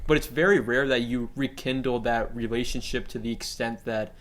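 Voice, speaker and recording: A young man in his late teens guests on a casual podcast. He rambles from one thought to the next with loose, profane, animated storytelling and a mid-pitched voice. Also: moderate pace. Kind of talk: casual chat.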